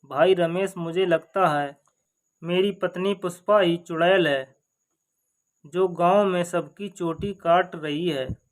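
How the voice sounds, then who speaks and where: A man's voice: high-pitched, takes it slowly. A man voicing a worried, bewildered village husband in a folk story, with anxious questioning.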